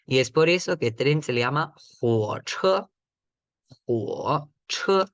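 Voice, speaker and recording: A man teaching vocabulary in a patient, explanatory lesson, often checking in with the listener and repeating words slowly at a higher pitch. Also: expressive, no room sound, muffled recording. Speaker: Chinese teacher.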